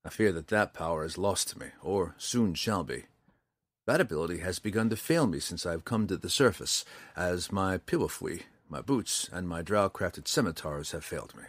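A man voicing a calm, polite young male dark elf who speaks in a measured, formal way. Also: deep voice, slightly rough, dry recording, full character voice. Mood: earnest.

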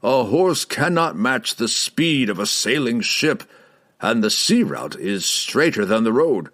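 A man reading aloud, voicing an old male wizard who speaks slowly and ominously. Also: mid-range voice, sing-song, fairly bright tone. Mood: grave. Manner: slow, measured, ominous delivery.

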